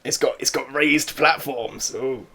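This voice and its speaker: A man's voice: mid-range voice, unhurried, gravelly, sharp tone, a little hiss or hum. A young English man co-hosting a podcast, rambling through stories in casual chat with many fillers and laughs. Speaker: podcast co-host.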